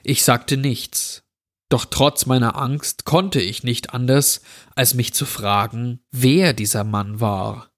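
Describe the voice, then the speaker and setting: A male narrator reading a dark horror story aloud. His delivery is very slow and measured, with a somber, even pitch.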